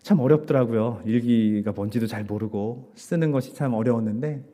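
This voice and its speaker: A man's voice: mid-range voice, moderate pace, mellow. A man, a pastor, preaching a Sunday sermon as a personal testimony, often dropping to a whisper for his inner thoughts. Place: church sanctuary.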